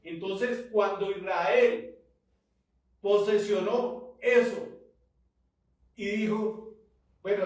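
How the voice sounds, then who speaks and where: A man's voice: sits high, a little mellow, recorded from a distance. Man preaching in an echoey church hall. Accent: Colombian Spanish. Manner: preaching with rising fervor and call-and-response. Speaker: pastor. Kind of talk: sermon.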